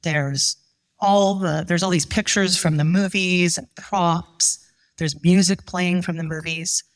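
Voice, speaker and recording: A middle-aged woman telling a personal story at a live show, animated and voicing the people she quotes. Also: on the low side, slow.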